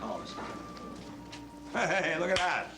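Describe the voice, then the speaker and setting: An actor playing a middle-aged father, hurried and gruff. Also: high voice, sing-song, heavily acted. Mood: brusque. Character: middle-aged father, brusque bar owner. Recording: old TV broadcast with music.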